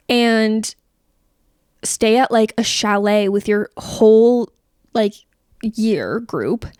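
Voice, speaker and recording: A woman's voice: fairly high pitch, darkish tone, no echo, studio quality. Chatty young woman podcast host. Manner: chatty and rambling, many "like" fillers. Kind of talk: casual chat.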